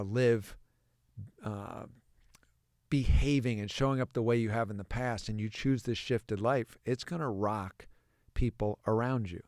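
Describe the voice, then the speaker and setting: A man speaking at a middle pitch in an earnest, coaching way. He talks the listener through everyday moments and now and then acts out what a parent might say to a child. The sound is dry and close, with no room around it. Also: no echo. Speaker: podcast host. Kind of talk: motivational solo talk.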